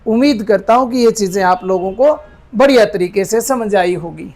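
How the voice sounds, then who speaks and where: A man teaching an English grammar lesson, patiently dictating words slowly and checking that his students follow. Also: sits high, a little mellow. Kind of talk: Hindi-medium grammar lesson.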